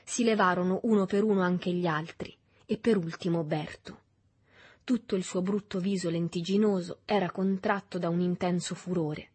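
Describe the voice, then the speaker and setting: A woman reading a literary novel aloud in a measured, even storytelling manner. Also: fairly low pitch, slightly rough. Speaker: audiobook reader. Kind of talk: literary audiobook narration.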